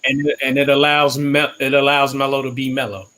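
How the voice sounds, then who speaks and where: Man, sports co-host, steady opinionated breakdown, bright clear tone. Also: mid-range voice, fairly quick, poor audio. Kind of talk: casual sports talk.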